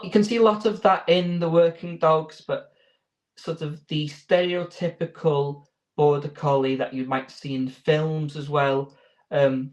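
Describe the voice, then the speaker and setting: Higher-voiced man explaining informally. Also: rough recording. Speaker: sheepdog handler and breeder. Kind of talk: informal interview answers.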